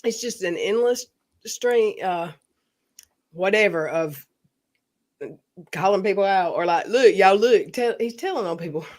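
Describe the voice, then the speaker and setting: A woman's voice: mid-range voice, measured pace, pauses often. Candid woman rambling in casual chat. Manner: candid, rambling, frequent fillers and restarts. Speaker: co-host of a chat video.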